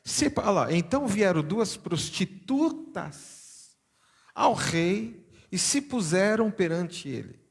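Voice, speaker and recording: A man's voice: high-pitched, sing-song, takes it slowly, vocal fry, slightly rough. A Brazilian man from São Paulo, a bishop preaching a sermon in church, reading scripture aloud and stopping to explain it and put questions to the congregation. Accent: Brazilian Portuguese, São Paulo.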